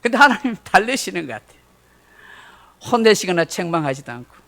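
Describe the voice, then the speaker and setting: A man's voice: high voice, very animated, brisk, vocal fry, fairly bright tone. A middle-aged male pastor preaching a Sunday sermon, telling the story dramatically and acting out quotes.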